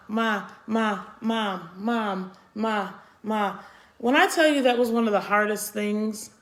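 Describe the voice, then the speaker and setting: Middle-aged lady doing a live chat, blunt opinions, gets choked up and emotional talking to viewers. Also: mid-range voice. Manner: opinionated, reacting to viewer comments. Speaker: host of a live chat show. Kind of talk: casual live-stream chat.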